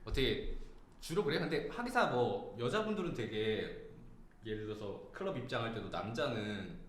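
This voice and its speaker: Host: chatty male radio host, lively up-and-down delivery, echoey room with faint hiss. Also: mid-range voice, moderate pace. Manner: chatty, laughs often, muses aloud. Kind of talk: casual chat. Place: student radio studio.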